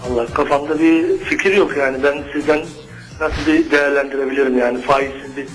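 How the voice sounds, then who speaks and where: Guy in his 30s on a call-in, talks fast but kinda unsure, casual, some music in the back. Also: medium pitch, steady tone, rough recording. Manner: hesitant, searching for words. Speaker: caller to an advice show. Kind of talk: casual, unscripted phone-in question. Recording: music behind the voice. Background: background music.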